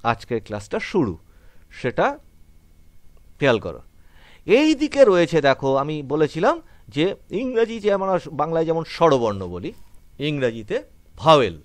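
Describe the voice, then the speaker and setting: A man's voice: a little high, dry recording. A man whose first language is Bengali, teaching English in an online class and explaining step by step. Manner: explains step by step, checks in with "right?".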